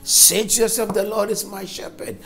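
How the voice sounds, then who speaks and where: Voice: medium pitch, fairly even intonation, moderate pace, gravelly, a bit bright, soft background music. A preacher giving a fervent, emphatic sermon and spoken prayer, repeating phrases for stress.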